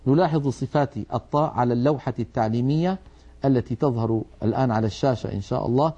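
A man teaching a Quranic recitation lesson, precise and methodical, slowly demonstrating how letter sounds are made. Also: mid-range voice, mellow, breathy edge, dull audio.

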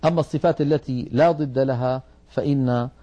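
A man teaching a Quranic recitation lesson, precise and methodical, slowly demonstrating how letter sounds are made. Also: mid-range voice, steady tone, dark tone, muffled recording.

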